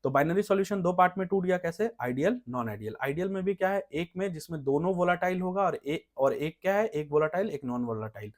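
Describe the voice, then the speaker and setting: Male chemistry lecturer, fairly high voice, repeats terms and keeps checking the class. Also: lively intonation, fast talker, hardly any pauses. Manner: explains step by step, asks rhetorical checks, repeats key terms. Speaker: chemistry teacher.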